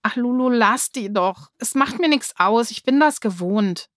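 A nervous schoolboy from a children's storybook, whimpering and stammering as he pleads to get away, as a woman reading aloud puts him on. His voice sits a bit higher and softer, anxious, in a dry close sound. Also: animated, measured pace, dry recording. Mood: resigned. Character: shy timid schoolboy who whimpers.

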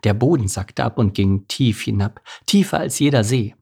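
A man narrating a children's story in a gentle, steady read-aloud manner. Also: medium pitch, moderate pace, creaky, slightly rough.

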